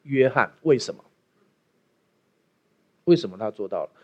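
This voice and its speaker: A man's voice: medium pitch, animated, moderate pace, muffled recording. A man preaching a sermon as pastor, opening with a prayer and joking with the congregation. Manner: playful, jokey preaching with acted asides.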